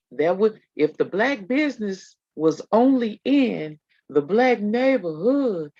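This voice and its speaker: A woman's voice: medium pitch, a little mellow, dry recording, lo-fi sound. A woman co-hosting a casual podcast, emphatic and talking straight to listeners as y'all. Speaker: podcast co-host.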